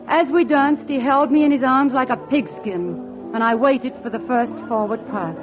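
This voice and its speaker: Heard through a muffled 1940s radio recording with music, an actress with a high, natural voice speaks at normal speed. She plays a wry, lovelorn single woman on holiday who narrates her hopes in a dry, genteel, wistful way.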